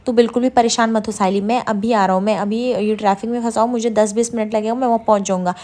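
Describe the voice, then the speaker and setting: A woman's voice: on the high side, steady tone, fast talker, darkish tone, close to an everyday voice. A woman voicing a protective young man who soothes and scolds by turns. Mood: reassuring.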